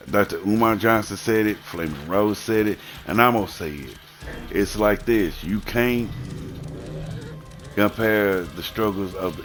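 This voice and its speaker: A man ranting heatedly on a live stream, swearing often and repeating his points. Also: low-pitched. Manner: heated, profane, repetitive ranting.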